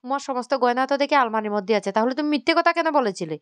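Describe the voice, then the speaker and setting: A woman's voice: on the high side, expressive, racing, clear, resonant tone, dry recording, lightly acted. A woman reading the lines of a young husband caught between his wife and his family, sounding exasperated and pleading.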